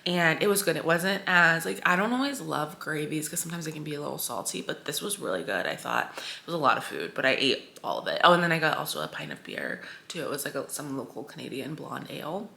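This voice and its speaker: A woman's voice: low-pitched, sing-song, fast, creaky, bright, forceful tone. A young American woman chatting casually in a vlog, rambling with lots of fillers and self-corrections. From United States. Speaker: travel vlogger.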